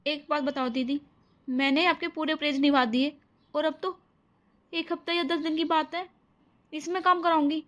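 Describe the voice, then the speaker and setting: A woman voicing an overworked young pregnant daughter-in-law in a cartoon family drama, soft-spoken and complaining. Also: high-pitched, steady tone, normal speed, long pauses, lightly acted. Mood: worried.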